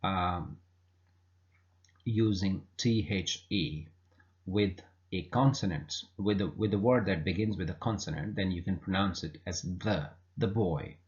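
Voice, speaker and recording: A man's voice: low-pitched, a little slow. A man teaching an English grammar lesson, explaining patiently with frequent fillers and repeated words. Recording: dull lo-fi recording.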